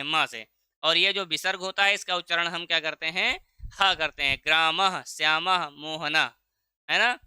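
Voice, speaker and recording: A man with a high, bright, very crisp voice teaches an exam-prep lesson, recorded close and dry. He asks the class question after question and answers each himself, slowing down to stretch out the sounds he wants them to learn. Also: no echo. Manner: drags out key sounds slowly when showing pronunciation. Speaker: Sanskrit teacher.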